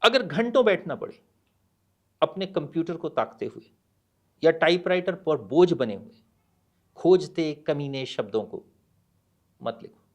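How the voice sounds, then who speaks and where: A middle-aged man, a guest author on a podcast, speaking in a measured, deliberate way and mixing Hindi and English, with hesitant pauses. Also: fairly high pitch, lively intonation. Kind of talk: podcast interview, reading a poem aloud.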